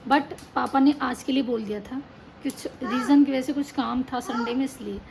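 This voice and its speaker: A tired young woman with a high voice talks at normal speed in a casual home vlog. The indoor recording is noisy, with children playing and crying nearby.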